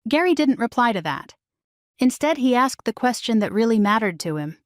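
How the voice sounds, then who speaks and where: A middle-aged woman narrating a first-person story in a calm, measured way. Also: on the high side, no echo, studio quality. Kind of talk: scripted narration.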